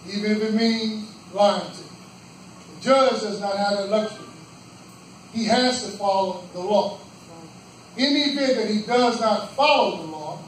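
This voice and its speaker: Earnest man speaking in an echoey room. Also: high-pitched. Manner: earnest, plain-spoken, pauses in short phrases. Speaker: judicial candidate giving a campaign speech. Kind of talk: campaign speech. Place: roadhouse event room. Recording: echoey room from far off, faint background noise.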